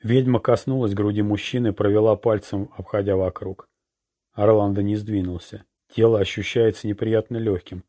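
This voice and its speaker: A man narrating a fantasy novel chapter in a steady, even reading. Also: fairly low pitch, normal speed. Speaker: audiobook narrator. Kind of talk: scripted narration.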